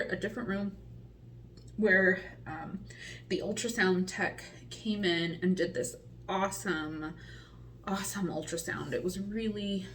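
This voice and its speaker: A woman's voice: fairly low pitch, a bit bright. Forties woman vlogging, kinda breathless, lots of ums, mic a bit far off, faint hiss. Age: 40s. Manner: rambling with many ums, chatty and upbeat. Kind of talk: casual pregnancy update vlog.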